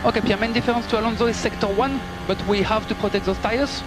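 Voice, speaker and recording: Speaking quickly in a high voice with fairly even intonation, a race engineer relays gap figures and terse, courteous instructions by team radio. Loud engine and vehicle noise fill the channel, and music can be heard in the background.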